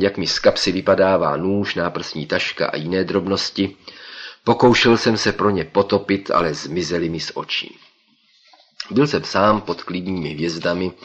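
A male audiobook narrator with a very low, deep voice. He tells a first-person story in steady, measured scripted narration, with an even, unhurried flow. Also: husky, lo-fi sound.

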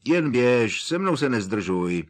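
A man's voice: medium pitch, sing-song, voice pushed up, natural voice. A man voicing a scruffy middle-aged male petty thief who sounds nervous and falsely breezy. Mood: falsely cheery.

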